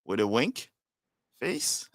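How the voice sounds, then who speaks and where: A man hosting a casual podcast chat, relaxed and reading out comments from the live chat. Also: medium pitch, slow pace, creaky, no echo. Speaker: podcast host.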